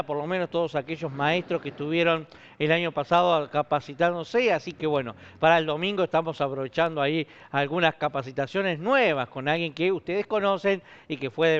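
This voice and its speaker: A man's voice: a little high, clean tone. A man with a Rioplatense Spanish accent, a pastor making informal church announcements with many fillers. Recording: muffled lo-fi stream.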